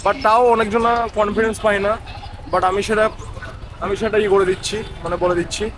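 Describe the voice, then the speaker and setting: A construction site labour supervisor with a Bengali accent vlogs to camera outdoors on busy streets and a building site, chatting casually while he has a cold. His voice sits high with a steady tone and a fairly quick pace. He rambles and repeats phrases, and street and construction noise fills the background.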